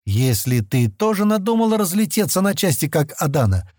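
A man's voice: on the high side, sing-song, normal speed, a little mellow, no room sound, studio quality, voice pushed up. A man voicing a wary, terse space hunter who asks blunt questions in an audiobook reading.

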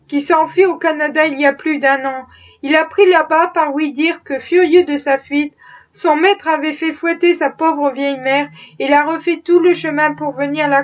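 A woman's voice: high voice, fairly even intonation, normal speed, far from the mic, muffled recording, natural voice. A woman voicing a desperate young enslaved man fleeing to freedom, with impassioned, defiant pleading. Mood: earnest.

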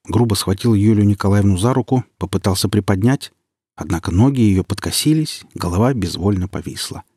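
A man narrating an audiobook in an expressive, lively reading. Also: on the low side, a little fast, slightly rough, dry recording, clean studio sound.

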